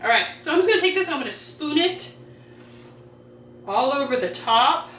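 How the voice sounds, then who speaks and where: A woman's voice: sits high, big pitch swings, normal speed, a bit bright, a little hiss or hum. A woman hosting a home cooking video, chatting enthusiastically as she walks through a recipe in her kitchen. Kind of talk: casual cooking demonstration. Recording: echoey kitchen, mic at a distance.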